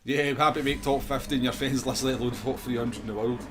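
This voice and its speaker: With a steady, mid-range voice and a quick pace, a gaming livestreamer talks loosely and responds to his viewers as he plays. A slight hiss or hum sits in the audio.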